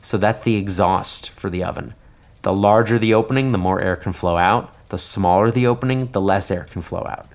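A man who runs pizza tours, explaining in a relaxed, matter-of-fact way in an interview clip. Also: lowish voice, moderate pace. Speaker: pizza tour guide.

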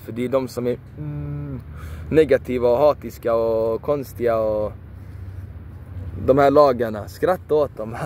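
A man's voice: medium pitch, darkish tone, a little hiss or hum. A man giving a passionate motivational monologue, repeating phrases emphatically, swearing for emphasis and sounding preachy. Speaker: video creator.

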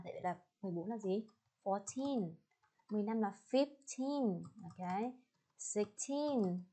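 A woman's voice: mid-range voice, darkish tone. Vietnamese-accented woman teaching English. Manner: slow, clearly spelled-out English words, checks in with the class. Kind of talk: classroom lesson with drills.

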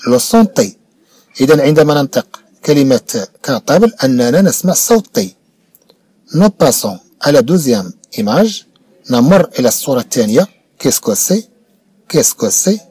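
A man's voice: mid-range voice, warm tone, husky, no room sound. Moroccan man teaching French, patient and repetitive. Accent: Moroccan Arabic. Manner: patient, repeats words slowly for learners. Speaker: primary school French teacher. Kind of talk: explanatory lesson narration.

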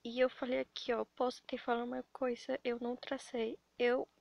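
Brazilian girl vlogging, high voice with lots of fry, shaky and near tears, keeps cutting herself off. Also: little pitch movement, no echo, dull audio. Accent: Brazilian Portuguese. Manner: breathless, rambling, halting restarts. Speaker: animation channel creator. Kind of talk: emotional webcam vlog.

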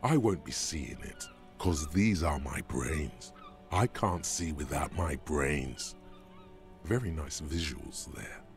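An extremely deep brooding inner voice. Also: male voice, big pitch swings, takes it slowly, faint music behind, heavily acted. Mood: wry, sardonic. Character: deep brooding inner voice of a detective's mind, sardonic. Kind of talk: scripted game narration.

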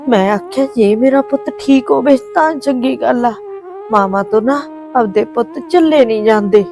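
A woman's voice: on the high side, moderate pace, over music, lightly acted. A woman playing an older mother who speaks tenderly and sorrowfully to her son. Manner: pleading, tearful, soothing. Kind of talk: village drama acting.

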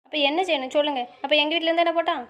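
A woman's voice: sits high, steady tone, racing, fairly bright tone, dull audio. A woman in a romantic audio drama, answering back in a stubborn, pouting, playful way.

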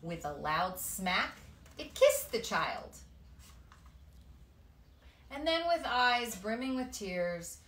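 A woman reading a children's story aloud with expressive, dramatic delivery. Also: mid-range voice, distant mic. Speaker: guest storyteller. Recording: echoey room.

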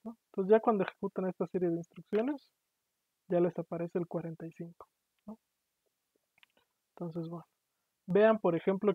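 High-voiced lecturer on a tinny line. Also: male voice, no room sound. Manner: patient, explanatory, often checks in with "no?" and "sí?". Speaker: university lecturer. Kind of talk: online programming lecture. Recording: tinny, dry, phone-like online class audio.

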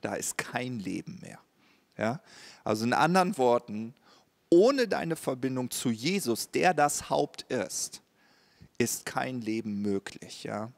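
A man's voice: mid-range voice, lively intonation, slow, creaky. A man preaching a sermon as a pastor, speaking straight to the listener and often checking in with a short "ja?". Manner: direct address with frequent "ja?" check-ins.

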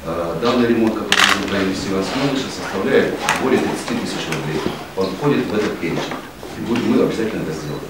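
A middle-aged man with a fairly low voice reports in a businesslike tone, dotted with fillers. He is heard from a distance in a very echoey office, with steady noise underneath. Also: quick pace. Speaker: district official. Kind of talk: formal reception conversation. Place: office reception room, indoors. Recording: echoey office room from afar, noisy.

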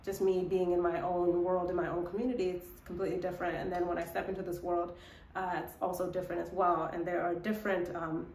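In a lowish, slightly mellow voice with a level tone and quick pace, a young adult woman chats reflectively and casually to camera for her vlog. Slight background noise and room echo fill the small indoor space by a window. She's a vlogger, model and actress, Ethiopian-born to South Sudanese parents and raised in Minnesota, United States.

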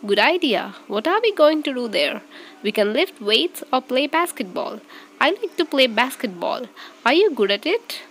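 A woman reading both parts of a short scripted English practice dialogue, clearly and evenly. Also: high voice, very animated, moderate pace, fairly bright tone. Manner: reads both parts of a short dialogue, repeated at varied speeds.

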